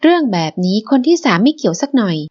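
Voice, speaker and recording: A woman's voice: a little high, big pitch swings, fast talker, darkish tone, lo-fi sound, voice pushed up. A woman reading an audiobook, voicing a petulant, jealous young woman. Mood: pouty. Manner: petulant, pouty.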